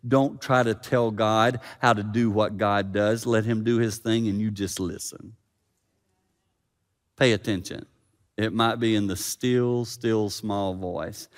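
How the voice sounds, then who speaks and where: A man preaching a sermon as pastor, swinging from loud dramatic peaks to hushed quiet. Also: fairly low pitch, fairly even intonation, measured pace. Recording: long reverb of a hall.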